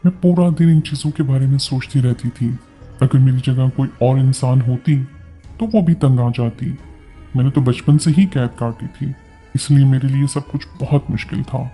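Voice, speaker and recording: Dark-voiced male storyteller, Urdu accent. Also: medium pitch, fairly even intonation, moderate pace, slightly rough, faint music behind. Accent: Pakistani Urdu. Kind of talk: first-person story narration.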